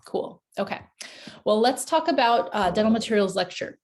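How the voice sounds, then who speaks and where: A woman instructor speaking over a video call, with a middle-range voice and a relaxed, conversational delivery. She fills her sentences with small hesitations and restarts as she goes over course details. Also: mid-range voice, moderate pace. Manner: casual, many fillers and restarts. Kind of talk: online class session.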